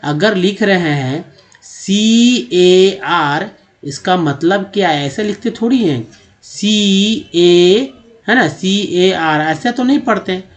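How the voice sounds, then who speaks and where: A man's voice: sits high, animated, moderate pace, few pauses. A man, teaching a spoken English lesson for his channel. He explains step by step, repeats himself and checks in with the viewer.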